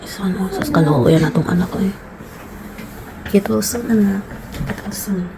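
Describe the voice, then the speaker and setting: A woman's voice: mid-range voice, moderate pace. A woman with a Filipino accent chatting with her young children in a casual home vlog, playful and coaxing. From Philippines. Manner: playful, coaxing, sing-song with small kids. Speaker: vlogger and mother. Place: family home, indoors. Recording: noisy home recording.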